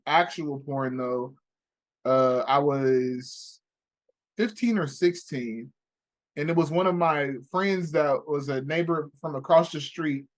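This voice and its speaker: Brief: man in his thirties, podcast co-host, lively storyteller, a bit higher voice. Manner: animated storyteller, laughing, acting out quotes. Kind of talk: casual chat.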